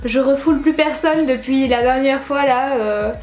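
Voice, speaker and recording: A woman's voice: high-pitched, moderate pace, darkish tone, echoey room. A teenage girl from southern France chatting casually in a haul vlog, rambling and slangy with lots of fillers. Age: teens. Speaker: YouTuber.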